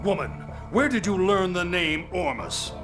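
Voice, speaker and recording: Slow, menacing military commander over loud music. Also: male voice, high-pitched. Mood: threatening. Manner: taunting, measured, condescending. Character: menacing male military commander, coldly amused interrogator. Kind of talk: dramatic game cutscene acting. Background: loud background music.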